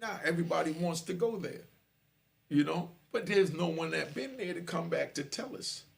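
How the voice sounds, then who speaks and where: A man's voice: on the high side, expressive, moderate pace, creaky. A man in his fifties, a former prisoner, talking straight to camera and preaching warnings to young listeners. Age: 50s. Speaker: prison storyteller. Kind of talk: direct-to-camera monologue.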